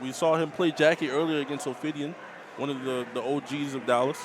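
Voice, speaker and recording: A man commentates a fighting game match live. His voice is a little high, and he breaks down tactics in an analytical, conversational manner. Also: level tone, a little fast, rough recording. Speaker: esports commentator.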